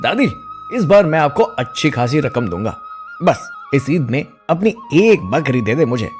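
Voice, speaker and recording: Man voicing a greedy young thief, cartoon, wheedling and sly, lively pitch. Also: unhurried, faint music behind. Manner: wheedling, mocking. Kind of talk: cartoon voice acting.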